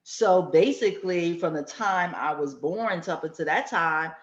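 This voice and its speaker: A woman's voice: lowish voice, moderate pace. A woman in her fifties chatting casually, telling stories and acting out what people said. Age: 50s. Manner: chatty storytelling, acts out quotes. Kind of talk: casual chat. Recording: dull echoey room sound.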